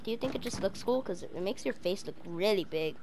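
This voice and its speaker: Over noisy home-headset game chat, a woman with a darkish, mid-range voice improvises role-play, speaking fast and expressively. Her style is blunt and teasing.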